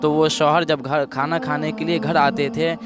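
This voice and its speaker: A man's voice: on the high side, flat delivery, moderate pace. A man preaching a sermon, retelling a moral story in plain words and repeating phrases for emphasis. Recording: background music under the voice. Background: music.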